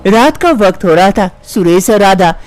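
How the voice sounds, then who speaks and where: A woman narrating a cartoon story in an expressive storytelling manner. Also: medium pitch, moderate pace, soft background music.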